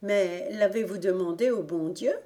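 A woman's voice: medium pitch, moderate pace, mellow, natural voice. Woman reading as a kindly nursemaid. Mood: gentle.

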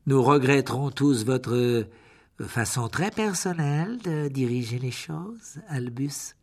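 A man's voice: a little high, lively intonation, unhurried, voice pushed up, heavily acted. A man voicing a cold, scheming aristocrat with a silky, mocking way of speaking. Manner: silky, mocking, smooth-spoken.

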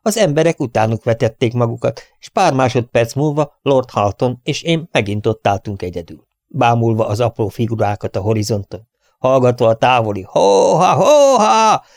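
A man reading an audiobook in steady, measured narration on a close studio mic. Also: mid-range voice, no echo. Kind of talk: scripted narration.

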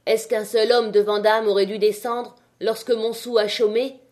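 A woman's voice: on the high side, flat delivery, moderate pace, lightly acted. A woman voicing a fiery male strike leader. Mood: rousing. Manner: rousing, forceful speech to a crowd. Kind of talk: audiobook reading.

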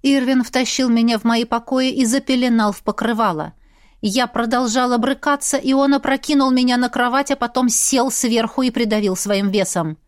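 A woman reading a first-person fantasy audiobook in a steady, expressive storytelling voice. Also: fairly high pitch, moderate pace, no room sound, studio quality. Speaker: audiobook reader.

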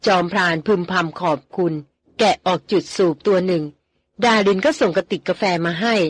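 Husky woman reading a novel aloud. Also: medium pitch, no room sound. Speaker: audiobook narrator. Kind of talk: scripted novel narration.

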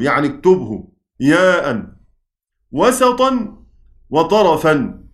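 Egyptian male teacher, slightly high voice, lectures by quizzing the room and answering himself, chants the verses slowly. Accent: Egyptian Arabic. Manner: asks the class questions and answers them himself. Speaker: Quran recitation teacher. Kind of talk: classroom lecture.

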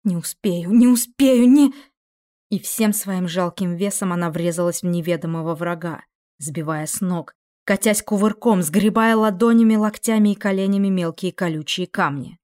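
A woman's voice: lowish voice, normal speed, a little mellow. A woman narrating a dramatic fantasy audiobook expressively, acting out the dialogue. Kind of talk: dramatic fiction reading.

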